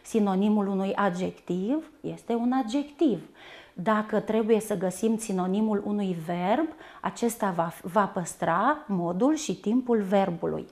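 A woman teaching a primary school lesson, speaking slowly and carefully and spelling words out syllable by syllable. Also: mid-range voice, darkish tone.

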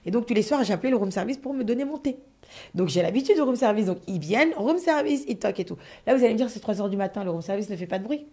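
A woman's voice: medium pitch, animated, rapid-fire, mellow, slightly rough. A woman telling a story on a live stream in a casual, dramatic way, swearing freely and speaking straight to her audience.

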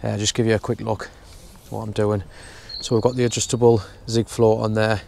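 A young man explaining his fishing setup in a relaxed, step-by-step way while outdoors at a lake. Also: lowish voice, fairly quick, gravelly, slight background noise. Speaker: fishing vlogger. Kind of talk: casual how-to narration. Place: outdoors at a lakeside bank.

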